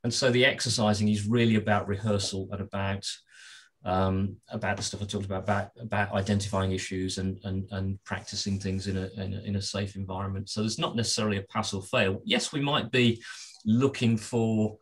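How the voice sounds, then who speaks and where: A business continuity expert and author, appearing as a guest, gives explanatory interview answers in a low, husky, level voice. He's slightly hoarse and clears his throat, speaking slowly and carefully with many restarts and repeated words.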